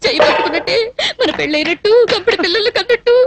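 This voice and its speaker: A woman's voice: very high voice, animated, rapid-fire, heavy background noise. An actress playing a tearful, lovesick young woman in a dubbed film, pleading and near sobbing. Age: young adult. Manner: pleading, tearful, breaking into sobs.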